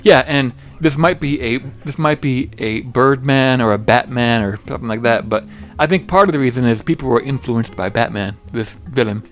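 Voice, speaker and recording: A man's voice: medium pitch, normal speed, few pauses, soft background music. A man co-hosting a podcast in casual chat, laying out theories in a laid-back, matter-of-fact way. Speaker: podcast co-host.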